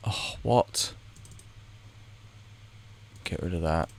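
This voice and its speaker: Muttering reactions to the screen as he thinks aloud, a gaming video creator offers casual play-along commentary. He speaks very slowly in a low, gravelly voice, rambling and often breaking off to restart a sentence.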